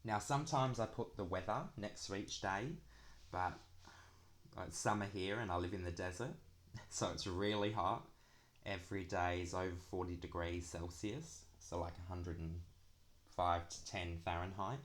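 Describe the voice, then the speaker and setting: A young man talks in a low, deep voice. He chats casually as he shows craft supplies, and his s sounds come out long and drawn out. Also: moderate pace. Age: young adult. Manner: drags out the s sounds. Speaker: craft planner vlogger. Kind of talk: casual chatty product walkthrough.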